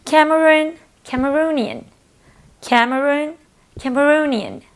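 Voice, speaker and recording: A woman teaching an English lesson, speaking slowly and clearly and repeating words for learners to copy. She is from Romania. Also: high voice.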